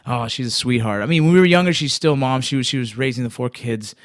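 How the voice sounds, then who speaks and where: A man and father, a podcast guest, telling animated stories in casual chat with many restarts. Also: mid-range voice, fast talker, no room sound, clean studio sound. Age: adult father.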